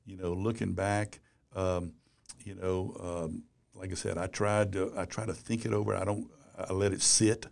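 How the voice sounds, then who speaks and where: A man's voice: low-pitched, level tone, normal speed, creaky. A man in his sixties, a business publisher and columnist, talking in a casual interview, rambling and peppering his sentences with "you know".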